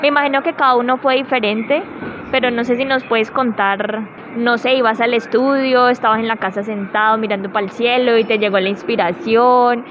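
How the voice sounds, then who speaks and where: A woman's voice: fairly high pitch, dull audio. A woman interviewing an artist, asking long, wordy questions. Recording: street noise with passing vehicles.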